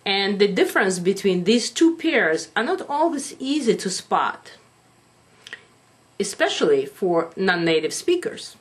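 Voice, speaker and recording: A woman gives a lesson at an unhurried pace, leaning hard on the stress of every word she drills. Her pitch rises and falls widely as she demonstrates. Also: big pitch swings. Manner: slow, deliberate enunciation with stressed number drills. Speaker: English communication teacher. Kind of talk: instructional talk to camera.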